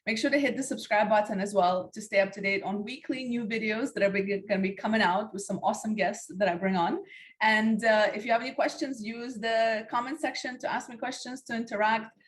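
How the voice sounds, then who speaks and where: A woman's voice: on the high side, steady tone, brisk. Friendly woman podcast host. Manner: friendly, many fillers. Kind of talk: podcast interview.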